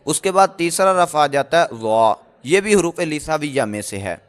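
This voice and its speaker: A man teaching tajweed in a recorded lecture, explaining slowly with many pauses and fillers and sounding out letters again and again. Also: fairly high pitch, animated. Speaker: Quran recitation teacher.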